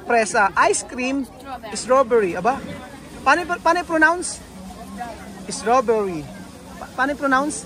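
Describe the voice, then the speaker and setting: A woman vlogging outdoors, chatting with children in a lively, coaxing way and switching between languages. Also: high-pitched, a little slow, pauses often. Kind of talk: casual vlog chat with children. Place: busy street outdoors. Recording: crowd and music noise outdoors. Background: street crowd and music.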